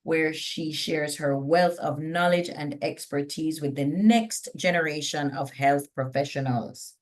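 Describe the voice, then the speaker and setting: A woman's voice: deep voice, unhurried. Jamaican woman emceeing, chatty and jokey. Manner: jokey, chatty, reads bios aloud. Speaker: conference host. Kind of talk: introducing speakers at an online conference.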